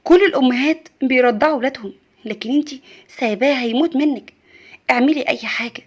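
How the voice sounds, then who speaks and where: A woman's voice: high-pitched, quick pace, husky. Bossy older Egyptian mother-in-law, harsh and nagging, put on by a woman. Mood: scolding. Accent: Egyptian Arabic.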